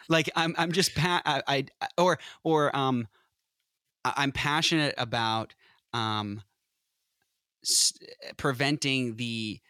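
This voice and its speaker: A man in his thirties chats casually with a bright, clear tone, recorded dry and close. He rambles, restarts his sentences often and laughs easily. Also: mid-range voice, steady tone, slow, pauses often, no room sound. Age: 30s. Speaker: podcast co-host. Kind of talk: casual chat.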